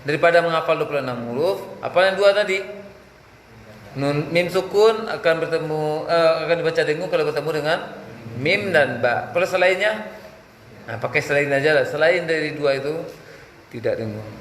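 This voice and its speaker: A man with a Minangkabau-tinged Indonesian accent teaching Quran recitation rules, asking and answering his own questions and slowly chanting verse examples. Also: a little high, fairly bright tone. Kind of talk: tajwid lesson with chanted examples. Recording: echoey room with faint background noise.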